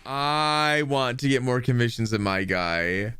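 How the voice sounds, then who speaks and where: A man streaming a video game, chatting casually with his viewers in an excitable, rambling way full of asides. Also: medium pitch, measured pace, clear, resonant tone, no echo, soft background music. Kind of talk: casual gameplay chat with viewers.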